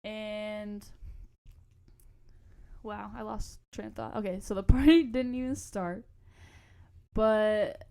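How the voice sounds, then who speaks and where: A woman's voice: mid-range voice, fairly even intonation, slow, pauses often, mellow, clean tone. A young adult woman co-hosting a podcast, telling stories in a casual, slangy, rambling way and often losing her thread. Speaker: podcast co-host. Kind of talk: casual storytelling chat.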